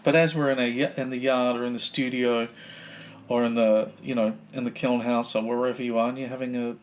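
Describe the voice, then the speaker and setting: A man's voice: mid-range voice, little pitch movement, fairly quick, a little hiss or hum. A man with a New Zealand accent co-hosts a casual podcast chat. He tells rambling stories full of fillers and restarts. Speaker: podcast co-host.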